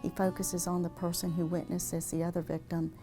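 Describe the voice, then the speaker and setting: A woman speaking earnestly and in a measured way in a documentary interview. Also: fairly low pitch, little pitch movement, dark tone, soft background music.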